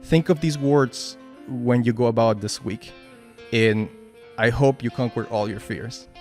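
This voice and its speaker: Leading a team meeting over a video call, a Spanish-accented team lead gives an informal motivational talk in halting bursts, with many restarts, repeated words and "right?" tagged onto his points. His ordinary mid pitch keeps a fairly even intonation, and faint music plays underneath.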